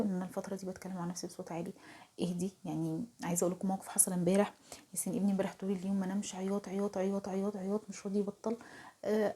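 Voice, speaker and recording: Young egyptian woman chatting to her followers, talks super fast, soft and half whispery. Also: medium pitch, slightly rough. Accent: Egyptian Arabic. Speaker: home vlogger. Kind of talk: casual talk to camera.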